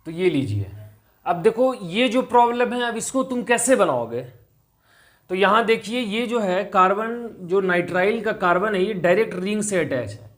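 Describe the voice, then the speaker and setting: High-voiced teacher quizzing students. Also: male voice, animated, normal speed, fairly bright tone. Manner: repeats questions to students, counts aloud. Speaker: chemistry teacher. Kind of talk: explaining on a whiteboard.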